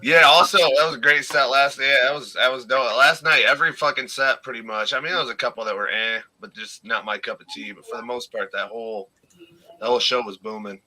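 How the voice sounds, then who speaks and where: Bright-voiced profane young podcast host. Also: male voice, medium pitch, a little fast, a little hiss or hum. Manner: loose, profane, laughing banter. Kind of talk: casual live podcast chat.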